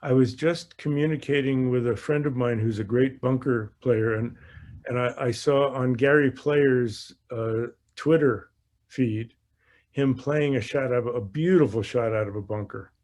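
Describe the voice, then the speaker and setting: A mid-range, darkish male voice, a little slow, explains golf conversationally as the coach fields questions in a live online Q&A, often repeating phrases along the way.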